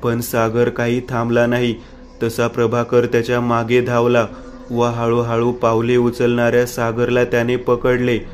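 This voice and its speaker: A man narrating a horror story in a steady, even reading style. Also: medium pitch, unhurried, faint music behind.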